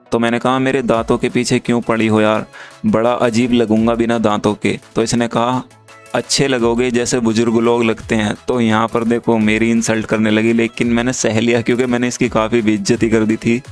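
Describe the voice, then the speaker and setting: Smooth-voiced young man reading chats. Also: medium pitch. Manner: reads chat messages aloud, chatty storytelling. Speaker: channel host. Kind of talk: casual narration of a chat screen recording.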